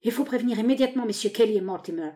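A woman's voice: on the high side, racing, dark tone, lightly acted. A woman playing a startled male prison director. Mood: stunned.

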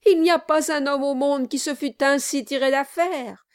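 A woman voicing a sly, obsequious male lawyer who gushes flattery in an unctuous manner, in a dry recording. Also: on the high side, slow pace, dry recording. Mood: fawning.

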